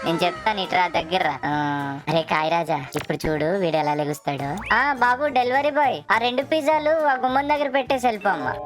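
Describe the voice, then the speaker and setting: ఒక మహిళ చేసిన వ్యంగ్యంగా మాట్లాడే కుర్రాడు. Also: female voice, mid-range voice, fast talker, hardly any pauses, close to an everyday voice. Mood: mocking. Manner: teasing and sarcastic. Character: cheeky boy Fury, quick-witted friend. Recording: music underneath.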